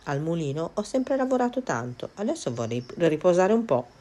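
A woman voicing a clever, bold male cat in a storybook, speaking slyly in a raised, lively tone. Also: on the low side, a little fast, slight background noise, pitched above the performer's own voice. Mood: content. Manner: sly, theatrical, raised and bright.

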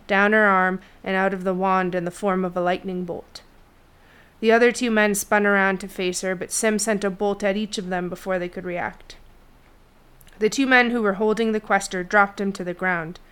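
A woman narrating a fantasy novel chapter in a steady storytelling read. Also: mid-range voice, normal speed, smooth. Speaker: audiobook narrator. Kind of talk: scripted fiction narration.

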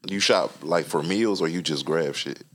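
A man's voice: a bass voice, moderate pace. A man chatting casually with friends in a slangy, teasing way.

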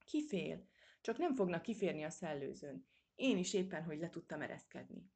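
A woman's voice: fairly low pitch, very animated, a little mellow. A woman voicing a loyal young male mouse friend who speaks earnestly and matter-of-factly.

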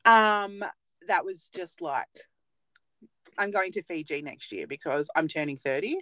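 Speaking a little slowly in a lowish but fairly bright voice, a woman in her late thirties makes self-mocking jokes and laughs a lot while co-hosting a relaxed podcast from a tiny cupboard at home. She works as a nail technician. The audio is poor, with no room sound.

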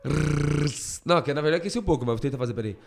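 A man's voice: fairly high pitch, quick pace. A man, a beatboxer guest on a podcast, joking and teasing in casual banter.

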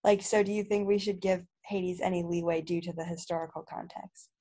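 A woman's voice: lowish voice, completely flat delivery, fairly quick, warm tone. A woman co-hosting a podcast, rambling with lots of "like" and "um" and teasing her friends. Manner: rambling, filler-heavy, joking. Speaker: podcast co-host. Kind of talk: casual podcast chat.

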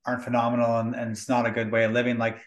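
A man hosting a podcast, asking loosely phrased questions in a relaxed, conversational way. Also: mid-range voice, rapid-fire, reverberant. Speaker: podcast host. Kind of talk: casual interview chat.

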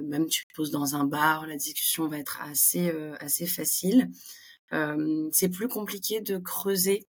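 A young Frenchwoman talking as a guest in a relaxed interview, chatty and full of fillers. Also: sits low. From France. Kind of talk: casual interview conversation.

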